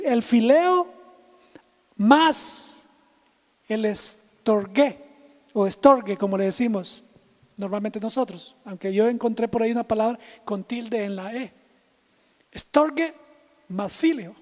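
A male pastor, preaching a livestreamed sermon in a lively, teasing way and calling out to chat viewers. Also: very high voice, long reverb tail.

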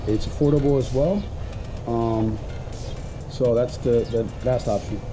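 A man in his thirties casually reviewing fishing gear outdoors in a backyard, talking with frequent fillers as he holds up each item. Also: medium pitch. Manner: relaxed, many "um" fillers, explains gear while holding it up. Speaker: kayak fishing vlogger.

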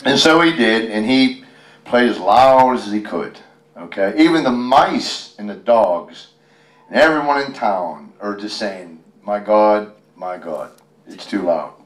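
A helper holds a handheld microphone for an American man from Western Pennsylvania as he reads a picture book at a live library storytime, chatting and joking in a folksy way. He speaks at a measured pace with lively intonation in a lowish voice, and the recording sounds roomy and distant from the mic.

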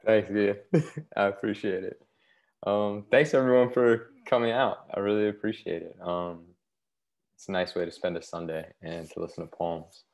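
A man in his thirties, a poet at a reading, reads and casually introduces his poems from his home living room over a video call on wired earbuds. His fairly low, darkish voice stays fairly even at a moderate pace.

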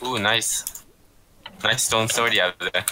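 A man's voice: on the low side, slow pace. A young man in game chat banter, teasing and goading the others. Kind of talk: casual gaming banter. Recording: noisy mic with keyboard clicks.

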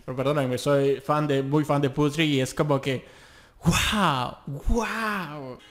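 A man's voice: a little high, takes it slowly. A young man from Latin America hosting a music reaction, gushing with exclamations and pointing out singing technique as a song plays. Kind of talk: reaction commentary over a song. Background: song playing faintly.

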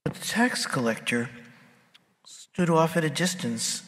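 Clergy guy reading the gospel at mass, slow and solemn, big cathedral echo hanging after every line. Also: a little high, animated, a bit bright. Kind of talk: liturgical Gospel proclamation. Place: large church. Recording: long church reverb.

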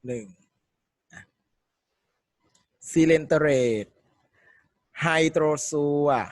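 A man's voice: on the high side, drawn-out words, dry recording. A man teaching an exam-prep language lesson, working through questions step by step and quizzing his students as he goes. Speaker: Thai language tutor.

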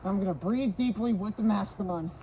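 High-voiced man talking through a gas mask. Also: normal speed, mellow, a little hiss or hum, low-quality recording. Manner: brash, swearing, breathing deeply. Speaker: vlogger testing safety gear. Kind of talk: casual demonstration.

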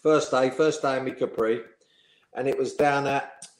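A man in his sixties recalls his playing days with easy, lively storytelling, laughing along at his own tales. His voice sits at an ordinary middle pitch. He sounds like he is in a bare room with a noticeable echo. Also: normal speed. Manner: lively storyteller, chuckling, acts out the people he quotes. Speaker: former footballer, interview guest. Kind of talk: anecdotal interview storytelling. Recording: echoey room.

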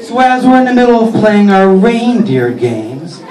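A brash man working a comedy club crowd, his fairly high voice sounding roomy and set back from the mic. Audience laughter rolls behind him. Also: sing-song, measured pace, darkish tone, distant mic. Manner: crude, brash punchlines with sung bits. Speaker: stand-up comedian in Santa costume.

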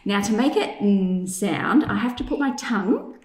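A woman teacher leading an instructional lesson for young children, enunciating clearly and guiding with simple questions. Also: medium pitch, lively intonation, moderate pace, a little mellow. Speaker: teacher presenting a maths activity. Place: indoors in a room, demonstrating at a tabletop. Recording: echoey room.

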